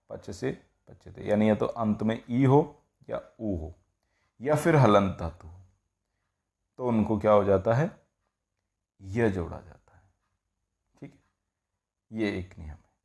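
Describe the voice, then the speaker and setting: A man's voice: fairly low pitch, gravelly, a little mellow. A man teaching Sanskrit grammar, explaining rules step by step and often asking the class rhetorical questions. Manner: explanatory, repeats "ठीक है" and asks rhetorical questions. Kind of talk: classroom-style grammar lesson.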